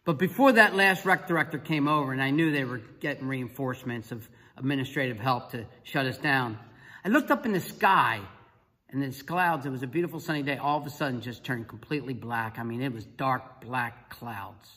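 A man's voice: mid-range voice, a little fast. A middle-aged man, an evangelist, animatedly telling a personal testimony and acting out the dialogue. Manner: animated storyteller who acts out dialogue. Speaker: evangelist and speaker. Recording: long reverb.

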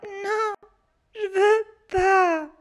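High whiny little boy, acted by a woman, cheeky then scared, slow pleading. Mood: whining.

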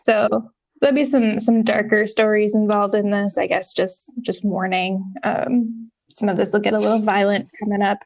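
A woman co-hosting a casual history podcast, talking in a relaxed way with lots of ums and the odd wry swear word. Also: medium pitch, moderate pace, gravelly, a little hiss or hum. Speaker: podcast co-host.

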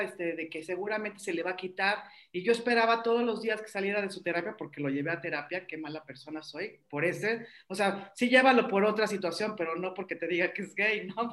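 A woman with a Mexican Spanish accent, a mother telling her personal story in an animated, emotional way. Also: mid-range voice. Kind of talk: personal testimony in conversation.

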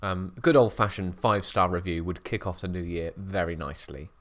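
Low-voiced, chatty British man. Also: brisk. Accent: British English. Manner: chatty and jokey, laughs often. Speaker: podcast co-host. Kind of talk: casual podcast chat. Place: office at a bird of prey centre.

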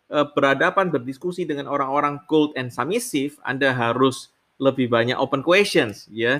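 A man lectures on leadership in a somewhat high, bright, sharp voice. He keeps adding tag words, poses rhetorical questions, and mixes in English terms.

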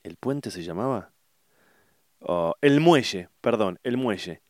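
A man's voice: fairly low pitch, lively intonation, slow pace, darkish tone, dry recording, clean studio sound. A middle-aged man with an Argentine Spanish accent, talking in a casual rambling monologue, often hesitating and searching for words. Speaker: vlogger.

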